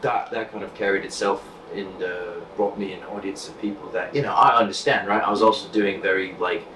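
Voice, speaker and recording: Man, podcast guest, direct, projected voice, lowish pitch, distant mic, faint background hiss. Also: fairly even intonation, fairly quick. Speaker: podcast guest, content creator and magician. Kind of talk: casual podcast chat. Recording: echoey room, distant mic, faint noise.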